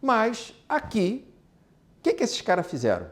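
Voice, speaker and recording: Here the Brazilian-accented instructor's voice is high, with huge pitch swings, yet he keeps a measured pace. In his informal lecture on exporting and business he stays emphatic, repeating himself and throwing out rhetorical questions.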